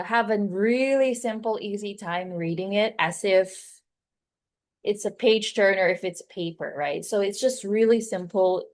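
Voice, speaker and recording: Woman, forties, Filipino accent, conversational webinar talk, filler-heavy, mid-pitched voice. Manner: chatty, many fillers, acts out quoted lines. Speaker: content creator giving a talk.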